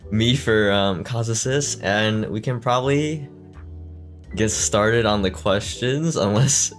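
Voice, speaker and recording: A man's voice: fairly low pitch, slow. Laid-back man chatting with faint music behind. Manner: easygoing, laughs often, restarts words. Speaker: streamer host. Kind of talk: casual chat reading fan questions. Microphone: desk mic.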